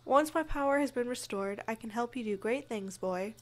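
A woman's voice: on the high side, normal speed, natural voice. A woman reading as a dramatic pleading fairy. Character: great fairy, female spirit, dramatic and pleading.

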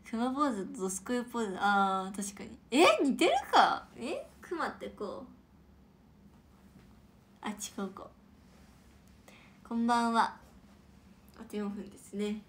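A young woman hosting a casual livestream and reading out viewer comments, with a chatty, playful manner and soft whispered asides. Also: a little high, slight background noise. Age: young adult.

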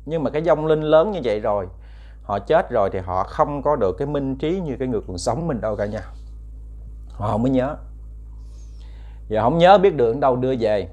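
A man's voice: mid-range voice, expressive, brisk, long pauses, darkish tone. A man telling a ghost story in a chatty, casual way, addressing his listeners with many fillers and repeats.

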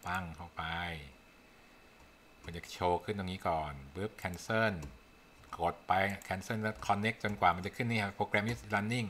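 A man's voice: lowish voice, steady tone, a little slow, fairly bright tone, slight background noise. A man giving a casual programming tutorial, talking the viewer through his screen, thinking aloud and coaxing them along. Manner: chatty, coaxing, thinks aloud while typing. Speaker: programming instructor.

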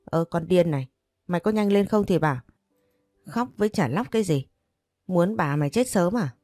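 A woman voicing an impatient, bossy servant who snaps orders quickly. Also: fairly low pitch, expressive, dark tone, no echo, soft background music, close to an everyday voice. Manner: snapping orders.

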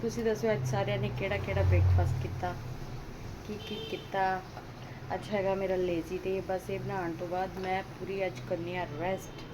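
A woman's voice: mid-range voice, flat delivery, fairly quick. Chatty Punjabi woman vlogging over household noise. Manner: chatty, addresses viewers with rhetorical questions. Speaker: home vlogger. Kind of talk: casual chat to viewers while doing housework. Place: at home, partly in a kitchen while cooking. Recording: noisy home recording with household ambience.

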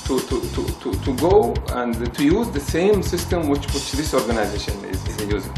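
A man's voice: medium pitch, animated. Man from the Emirates, echoey, over music. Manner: halting, repeats words while searching for them. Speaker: patient giving a testimonial. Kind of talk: testimonial interview. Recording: roomy echo with loud music bed.

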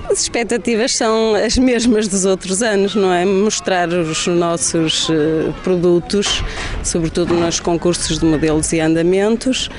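A woman in her forties, a horse exhibitor in a stable, speaking relaxed and plain. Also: fairly low pitch, unhurried. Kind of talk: on-the-spot news interview.

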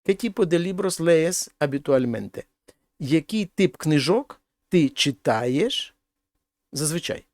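A man's voice: fairly high pitch, animated, slow pace, darkish tone, no echo, studio quality. A man teaching a language lesson, explaining grammar step by step and translating each example sentence. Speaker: Spanish teacher.

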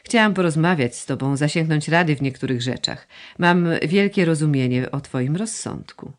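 A woman's voice: low voice, normal speed, close to an everyday voice. A woman reading as a fussy, plaintive noble mother. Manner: gushing, complaining, coaxing. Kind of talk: audiobook dialogue reading.

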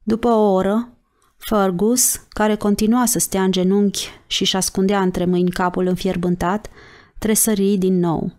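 A woman narrating an audiobook chapter in a slow, measured reading voice. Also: medium pitch, steady tone, a little mellow. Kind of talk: scripted narration.

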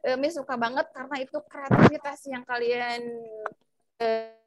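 A young woman with an Indonesian accent teaching children English over a video call, switching between English and Indonesian and spelling out phrases slowly for her pupils. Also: high voice, fairly even intonation, music in the background, rough recording. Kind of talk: online English lesson for children.

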